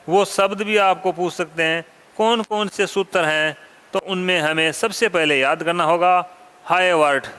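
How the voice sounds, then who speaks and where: A man lectures on Sanskrit grammar in a high, bright, crisply clear voice. He asks questions and answers them himself, and he draws key terms out slowly. The sound has a long, echoing room reverb. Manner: informal asides to students. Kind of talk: classroom lecture.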